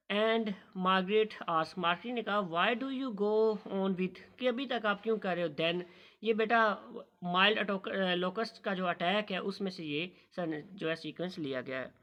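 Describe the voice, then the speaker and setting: A man giving a recorded lesson on punctuation, reading English lines slowly and explaining them patiently. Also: high-pitched, a bit bright. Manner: slow, careful reading of English lines, then explaining in Urdu; addresses students as "beta". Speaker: teacher.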